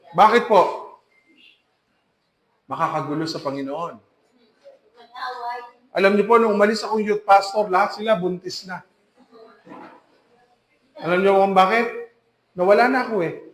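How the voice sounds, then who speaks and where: A man's voice: sits high, roomy sound. A man preaching an emphatic sermon as pastor, full of rhetorical questions to the congregation. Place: church hall.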